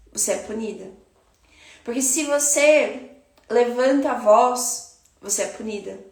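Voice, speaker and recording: A woman's voice: a little high, reverberant. A woman with a Brazilian Portuguese accent giving a spiritual self-help talk as a teacher, speaking reflectively and addressing the listener directly.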